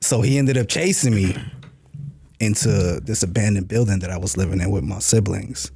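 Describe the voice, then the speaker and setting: Low, dark-voiced man telling his story. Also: normal speed, gravelly, breathy edge, no room sound. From New York, USA. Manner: blunt, streetwise, swears freely; acts out past dialogue in a raised voice. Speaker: podcast guest. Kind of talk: candid interview storytelling.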